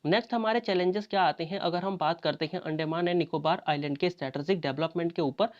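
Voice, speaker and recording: Female exam coach, low voice, chatty question-and-answer delivery, muffled lo-fi recording. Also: fast talker. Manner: conversational, repeats fillers, asks and answers own questions. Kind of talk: explanatory lecture. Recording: dull lo-fi audio.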